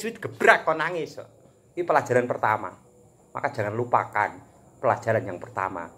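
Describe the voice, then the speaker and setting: A man with a Javanese accent giving a casual religious talk as a preacher, animated and joking, chuckling often. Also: lowish voice, a little hiss or hum. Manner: animated, chuckles often, mixes teaching with jokes.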